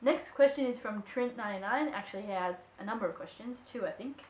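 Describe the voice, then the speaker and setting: A young woman with an Australian accent talks casually to camera as a vlogger. Her voice sits slightly high, and she springs into playful voices when quoting people. The sound carries a noticeable room echo. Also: fast talker. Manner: chatty and expressive, acts out quoted voices. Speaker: vlogger answering viewer questions. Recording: echoey room.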